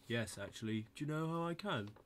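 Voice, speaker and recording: A man's voice: medium pitch, expressive, a little fast, close to an everyday voice. A man voicing a gloomy, droopy-mouthed woodsman who talks in a sad, mopey way.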